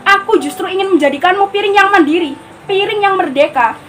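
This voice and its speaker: A woman's voice: very high-pitched, brisk, fairly bright tone, a little hiss or hum, poor audio. A teenage girl playing a lonely, paranoid civilian prisoner in a stage monologue, scolding and then pleading. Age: teens. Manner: scolding, swinging from pleading to threatening. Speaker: student performing a monologue. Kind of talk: theatrical monologue.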